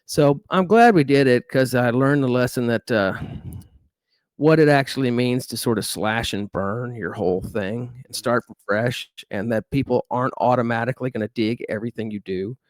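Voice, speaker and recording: A middle-aged guest musician from Dallas, Texas, chats easily in a casual interview with a Texan accent, rambling along with fillers and restarts. His voice is medium-pitched at a normal speed, and the recording is dry.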